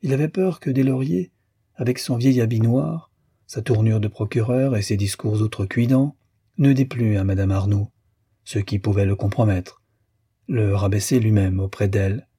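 Man with a dark husky narrating voice. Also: on the low side, moderate pace, dry recording, clean studio sound. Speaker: audiobook narrator. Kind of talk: scripted literary narration.

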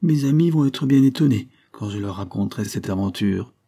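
A man reading aloud, voicing a calm, bold male colonist with a lightly raised, wry delivery. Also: lowish voice, brisk.

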